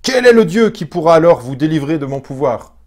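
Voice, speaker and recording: A man voicing a furious, proud tyrant king, reading the lines loud and raised as dramatized scripture. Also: a little high, very animated, fairly quick, pitched above the performer's own voice. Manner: shouting threats, raised and loud.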